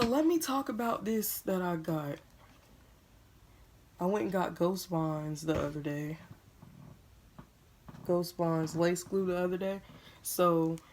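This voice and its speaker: A young woman chats casually with her viewers, calling them "y'all" as she unboxes at home. Her voice sits fairly low. A faint hiss runs under the camera mic. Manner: chatty, addresses viewers as "y'all", chewing gum. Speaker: beauty vlogger.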